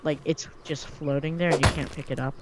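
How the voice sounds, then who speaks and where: A man's voice: a little high, fairly even intonation, a little fast, very noisy. A man chatting with friends while gaming, easygoing and agreeable. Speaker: teammate in game. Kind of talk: casual gaming chat.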